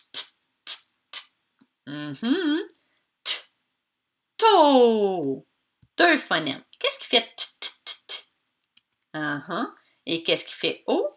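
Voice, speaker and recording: A woman teacher with a Québécois accent giving a reading lesson to children, slowly drawing out the sounds in words and encouraging her pupils. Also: medium pitch, bright, forceful tone. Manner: slow, stretched-out sounds of words for young learners; encouraging, addresses pupils directly.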